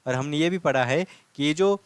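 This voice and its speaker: A man's voice: a little high, normal speed, clean tone, no echo. A man teaching a language lesson, patiently repeating points and answering his own questions. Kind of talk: classroom lesson explaining script.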